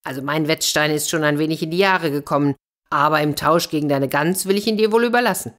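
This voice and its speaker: A woman's voice: deep voice, quick pace, a bit bright. A woman voicing a boastful, cheerful male scissor grinder in a children's fairy tale reading, jovial and coaxing.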